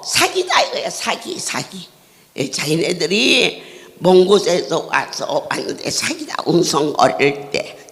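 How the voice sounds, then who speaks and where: A male pastor preaches to a large church gathering, his high, gravelly voice climbing and falling widely as he tells his story. He speaks at an unhurried pace and breaks into laughing shouts. Long reverb from the church hall trails behind every phrase. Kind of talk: revival sermon with storytelling.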